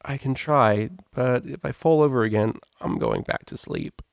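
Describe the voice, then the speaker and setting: A man's voice: mid-range voice, vocal fry, dry recording, clean studio sound, voice pushed up, natural voice. Man playing a groaning hungover unicorn mare. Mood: groggy. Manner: slow, groaning, slurred. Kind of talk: audiobook character voice.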